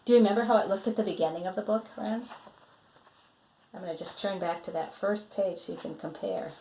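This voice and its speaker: A woman who teaches and reads stories to children reads a picture book aloud, dramatic in delivery and asking her young listeners questions. Her voice is medium-pitched and mellow, a little fast. The recording is rough, with some hiss or hum.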